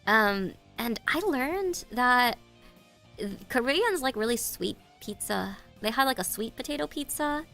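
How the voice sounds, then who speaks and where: Speaking unhurriedly in a fairly high voice, an American woman giggles and fumbles her words while casually chatting with her stream viewers. Her voice sounds congested and stuffy, yet bright and forceful, with lively intonation and faint background music.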